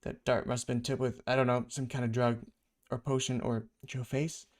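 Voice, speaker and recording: A man's voice: mid-range voice, little pitch movement, normal speed, close to an everyday voice. A man voicing a wry young male superhero from a comic who has been drugged, muttering his inner thoughts in a self-mocking way.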